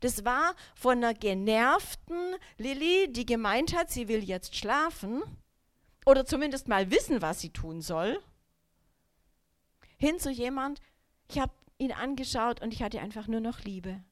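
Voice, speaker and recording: A woman in her thirties giving a personal testimony in a sermon, telling her story in a lively way, acting out her own thoughts and talking straight to the listeners. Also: on the high side, measured pace. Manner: direct, addresses the listeners.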